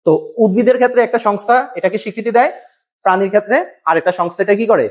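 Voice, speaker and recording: A man's voice: high voice, very fast, highs cut off. A man teaching a biology class at a board, asking questions and answering them himself, and spelling words out. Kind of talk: classroom lesson.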